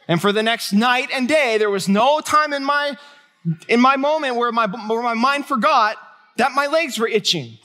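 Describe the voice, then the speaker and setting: A middle-aged male pastor delivers a sermon in a high, bright voice. He tells stories with lively quoted dialogue, then presses his points with emphatic preaching. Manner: storytelling with quoted dialogue and laughs.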